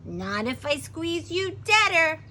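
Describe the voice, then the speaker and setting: A woman voicing a bold, stubborn little girl who chants a sing-song tune loudly. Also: extremely high pitch, sing-song, takes it slowly, slight background noise, pitched above the performer's own voice, heavily acted. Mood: defiant.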